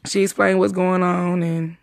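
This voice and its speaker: A woman's voice: lowish voice, flat delivery, unhurried, creaky, dry recording, studio quality. A young woman giving a rambling, profane retelling of a night out, with many restarts and repetitions. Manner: rambling, profane, emphatic storytelling; repeats herself and restarts often. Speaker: witness recounting a night out. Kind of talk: casual spoken retelling.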